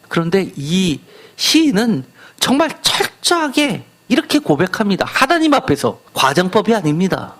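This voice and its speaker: Lively high-pitched Korean pastor preaching. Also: male voice. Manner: asks the congregation rhetorical questions. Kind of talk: sermon.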